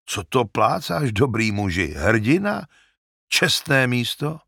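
A man's voice: mid-range voice, very animated, creaky, bright, forceful tone, breathy edge, dry recording, studio quality, pitched above the performer's own voice, heavily acted. A man voicing a modest, weary young male warrior in an audiobook, earnest and subdued. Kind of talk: audiobook character reading.

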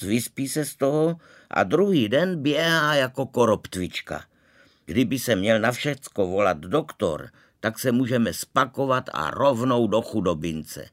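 A man reading a storybook aloud, voicing a fussy, preachy middle-aged aunt in a thin, shrill, indignant voice. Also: fairly bright tone.

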